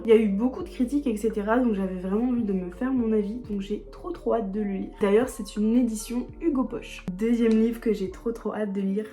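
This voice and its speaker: A young woman talks eagerly and casually in her own vlog, doubling words when she is excited. Her voice sits a little high and mellow, with soft music faint underneath. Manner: enthusiastic, repeats words for emphasis. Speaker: book vlogger. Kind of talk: casual book haul chat.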